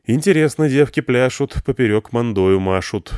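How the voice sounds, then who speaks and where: A man's voice: medium pitch, animated, moderate pace, a little mellow, dry recording, studio quality, voice pushed up, lightly acted. A man voicing a crude, mocking joker who throws out coarse quips.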